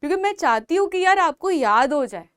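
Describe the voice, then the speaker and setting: A young woman with an Indian accent lectures on biology in a high voice, recorded on a dry close mic. She talks emphatically, repeating key terms and pushing her students to work hard. It sounds like a classroom exam-prep lesson. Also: big pitch swings, fairly quick, no echo. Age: young adult. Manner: emphatic, repetitive, motivational, calls out loudly to students. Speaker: biology teacher. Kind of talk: exam-prep lecture in Hindi mixed with English.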